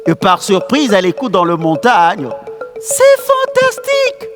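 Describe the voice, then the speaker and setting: A man's voice: sits high, normal speed. A man telling a story on stage in a lyrical, dramatic, half-sung way. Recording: background music.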